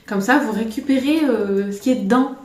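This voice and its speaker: A woman's voice: fairly high pitch, moderate pace, a little mellow. A woman from France chatting through a casual makeup tutorial, rambling and poking fun at herself, filmed on a camera on a tripod. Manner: chatty and self-deprecating, rambling asides. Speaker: makeup vlogger. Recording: roomy room, faint music behind.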